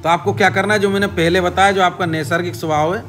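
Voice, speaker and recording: Man, somewhat high voice, casual astrology explainer, repetitive listing, direct address, faint background music. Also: steady tone, quick pace, fairly bright tone. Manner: repetitive, direct address to viewer with frequent "ठीक है?"; listing advice in short chanted phrases. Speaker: astrology channel host.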